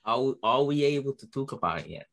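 A man's voice: medium pitch, animated, a little fast, vocal fry, fairly bright tone. A man co-hosting a casual podcast, teasing his guest with dry sarcasm. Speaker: podcast co-host.

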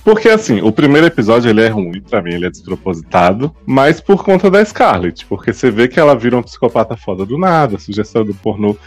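A man, co-hosting a podcast and chatting about a TV series, jumping in with quick reactions and opinions. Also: medium pitch, big pitch swings, slightly rough, faint music behind. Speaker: podcast co-host. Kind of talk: casual chat reviewing a TV series.

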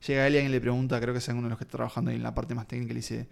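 A man's voice: mid-range voice, little pitch movement, very fast, vocal fry. Man chatting about films. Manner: leads the talk, rambling with fillers. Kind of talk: casual film discussion.

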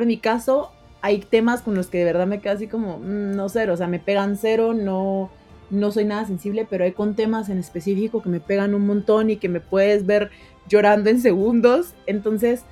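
A young woman, chatting as a podcast guest and acting out the voices in her stories. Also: medium pitch. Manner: animated storyteller, acts out quoted voices. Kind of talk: casual podcast chat.

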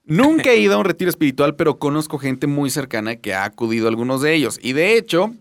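Chatty Mexican man, slightly high voice. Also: very animated, quick pace, slight background noise. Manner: chatty, joking, lots of fillers. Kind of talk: casual chat.

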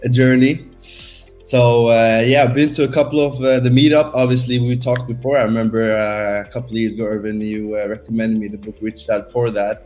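An easygoing man in his thirties from Norway, talking as a podcast guest. His tone stays flat and even, and he leans on fillers like "uh" and "kinda." Faint music plays behind him. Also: medium pitch, fairly quick. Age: 30s. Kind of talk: casual conversation.

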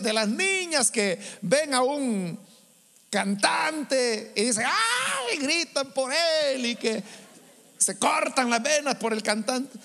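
A man's voice: high voice, creaky, fairly bright tone. A man preaching to a congregation, asking rhetorical questions and acting out the voices he quotes. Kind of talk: sermon to a congregation. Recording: long hall reverb with mains hum.

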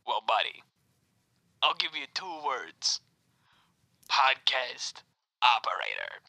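A man's voice: medium pitch, sing-song, takes it slowly, sharp tone, voice pushed down, heavily acted, rough recording. A man voicing a fussy male podcast-factory switchboard operator who rambles, hesitates and drops into whispers in a comedic improv bit. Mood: conspiratorial.

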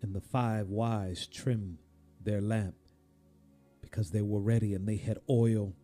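A man, a pastor, preaching a sermon in a slow cadence that rises suddenly and drops to a hush. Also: on the low side, steady tone, soft background music.

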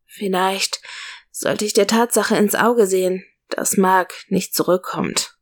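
A woman's voice: medium pitch, steady tone, takes it slowly. Woman voicing Amelie, a lonely, grieving young woman. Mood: resigned, tearful. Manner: soft, quiet, subdued.

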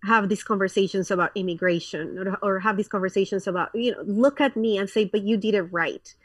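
A woman's voice: mid-range voice, a little fast, husky, dry recording, recorded from a distance. A woman in her thirties from Colombia, a pastor, talking frankly as a guest in a casual interview, with lots of fillers and restarts.

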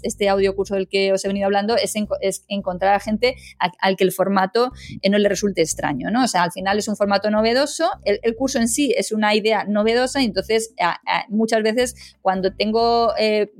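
A middle-aged woman talks as a guest on an interview podcast, a legal English teacher explaining her work. Her speech is loose and chatty, full of fillers and quick tag questions. Her pitch sits in an ordinary middle range. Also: no room sound. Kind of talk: casual interview chat.

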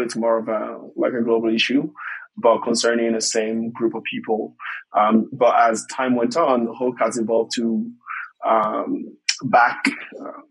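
A man's voice: mid-range voice, vocal fry, breathy edge, low-quality recording. A man from Togo, answering interview questions as a podcast guest in a hesitant, explanatory manner. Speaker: podcast guest, startup investor.

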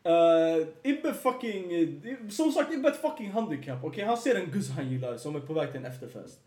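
A young man hosts a casual podcast, rambling through an animated story with plenty of swearing. His voice sits fairly high for a man. The room around him is roomy and echoey. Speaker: podcast host. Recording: roomy echo.

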